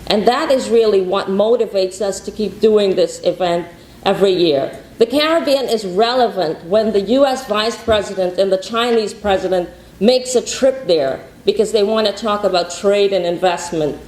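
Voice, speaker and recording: A woman from Guyana, the founder of a conference, delivers rousing, repetitive rallying opening remarks in a conference hall. Her voice is mid-range and darkish, at normal speed, and the hall sounds echoey.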